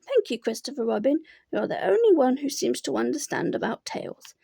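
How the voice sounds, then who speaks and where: A woman's voice: high voice, very animated, moderate pace, vocal fry, warm tone, breathy edge, no room sound, studio quality, exaggerated voice. Eeyore, a grumbling gloomy old donkey voiced by a woman. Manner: grumbling, self-pitying.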